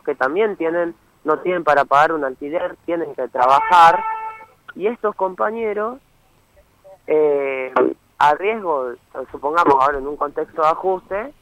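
A young Argentine student activist from Misiones calls in for a phone interview, explaining his cause with earnestness and repeatedly checking in with "¿sí?". His voice runs on the high side and a bit bright, with no room sound, over a muffled phone line.

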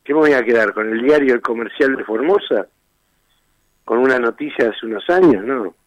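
A man's voice: mid-range voice, lively intonation, moderate pace, no echo, low-quality recording. A man with an Argentine Spanish accent, a defense lawyer arguing his case insistently in a radio interview, firing off rhetorical questions.

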